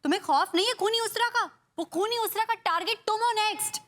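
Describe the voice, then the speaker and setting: An actress playing a bossy, sharp-tongued wife in a sitcom, scolding her husband and slipping English commands into her speech. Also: extremely high pitch, brisk. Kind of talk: sitcom acting.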